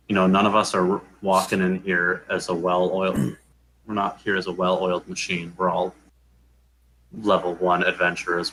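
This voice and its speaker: A man's voice: low voice, fairly bright tone, a little hiss or hum, rough recording. A man, a tabletop game player, chatting casually after a session and restarting his sentences a lot. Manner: hesitant, full of restarts and fillers.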